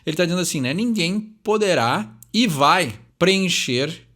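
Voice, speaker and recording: A man's voice: high voice, lively intonation, fairly bright tone. A young man from Brazil with a Brazilian Portuguese accent, casually breaking down song lyrics as a channel host, tagging "né?" onto his sentences. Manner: chatty, fills pauses with "né?", reads English lines slowly.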